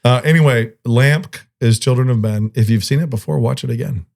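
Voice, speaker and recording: A man's voice: mid-range voice, a little fast, gravelly, a little mellow. A man co-hosting a podcast in casual chat, rambling and laughing often. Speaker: podcast co-host.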